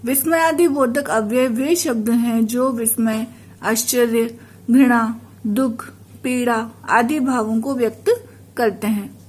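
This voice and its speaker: Slow, measured woman teaching a lesson. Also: on the high side, darkish tone. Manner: slow, measured explanation with example sentences. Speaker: school teacher. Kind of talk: recorded classroom lesson.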